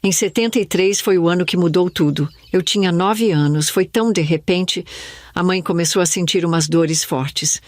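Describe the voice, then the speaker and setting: A woman's voice: on the low side, normal speed, darkish tone, no echo, studio quality. Older woman narrating a somber memory. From Brazil. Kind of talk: scripted first-person narration.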